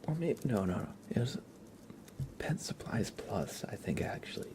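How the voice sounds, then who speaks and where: Very animated and speaking at a normal speed, a man with a mid-range voice runs an ASMR livestream. He whispers close to the mic with a slightly stuffy nose, chatting casually and teasing viewers playfully.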